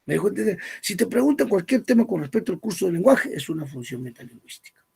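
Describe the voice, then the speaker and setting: Guy teaching grammar to a class, rough husky voice, kinda high, answers his own questions. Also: very animated, quick pace, warm tone. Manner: asks questions and answers them himself, stresses key words. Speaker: language teacher. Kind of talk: classroom lecture.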